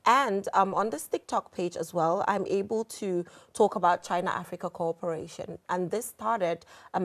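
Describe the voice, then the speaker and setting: A woman from the Gambia, a TV host and news reader, answering interview questions in a lively way with soft fillers. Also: on the low side.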